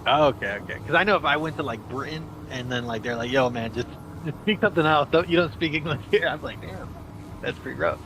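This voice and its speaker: The voice is on the high side and quick as a young man streams outside, bantering and joking, frequently laughing and starting his words over. Street noise fills the outdoor recording.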